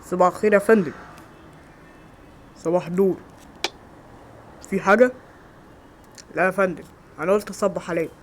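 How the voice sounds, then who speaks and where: A man with an Egyptian Arabic accent acting several everyday roles in a homemade skit, with quick, exclamatory lines. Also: high voice, slight background noise, close to an everyday voice. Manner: quick, loud, exclamatory dialogue. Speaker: amateur actor.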